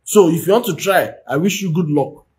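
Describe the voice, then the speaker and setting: A man's voice: a little high, brisk. A man giving marriage advice on a livestream as a relationship coach. He preaches and keeps repeating phrases and checking in with his listeners. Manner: preachy, repeats phrases, asks "do you understand?".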